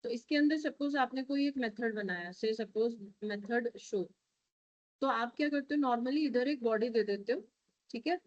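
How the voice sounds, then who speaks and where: A woman with an Indian accent and a fairly high voice walks students through live coding at a measured pace. She goes between Hindi and English, coaxing and checking often that they understand. The recording is dry and lo-fi.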